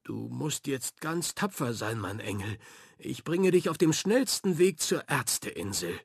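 Brief: a boisterous sea-captain father in a children's audiobook, voiced by a man, hearty and slow-spoken, with a dry, close sound. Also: mid-range voice, very animated, vocal fry, slightly rough, no echo, exaggerated voice. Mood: worried. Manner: hearty, exclamatory.

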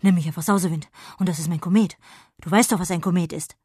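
A woman's voice: on the low side, steady tone, husky, no echo, clean studio sound. A woman doing a hasty bearded male fairy. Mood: brisk. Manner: hurried, loud, clipped repetitions.

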